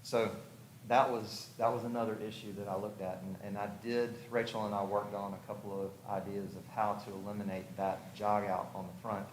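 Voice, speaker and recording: In an echoey room with noticeable background noise, a house designer presents to a review commission at a public hearing. His voice is on the low side with little pitch movement, and he talks a little fast. The explanation is casual and chatty, as if he's reasoning it through on the spot.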